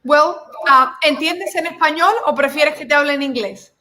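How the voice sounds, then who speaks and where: A woman's voice: high voice, moderate pace, sharp tone. A woman hosting an informal online interview, moving between two languages as she talks to guests. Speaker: host. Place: video call.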